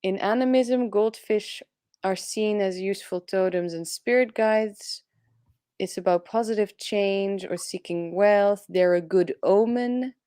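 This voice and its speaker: A woman's voice: mid-range voice, measured pace, mellow, clear, resonant tone, dry recording, clean studio sound. A woman speaking English as a second language, co-hosting a tarot live stream in a chatty way, laughing often. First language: not English. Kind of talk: casual chat.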